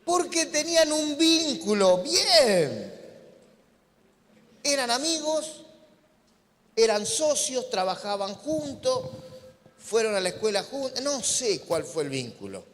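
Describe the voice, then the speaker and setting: A man's voice: very high voice, big pitch swings, slow, long pauses, a bit bright, long reverb tail. A man with an Argentine accent preaching a sermon as pastor, in a conversational, joking manner. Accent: Argentine Spanish. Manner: conversational preaching, acting out imagined dialogue with humor. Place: church sanctuary.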